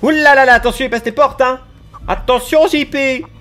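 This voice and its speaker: A man doing let's play commentary, excitable and teasing, yelping when scared and chatting to the monster on screen. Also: very high voice, moderate pace, soft background music. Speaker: gaming YouTuber.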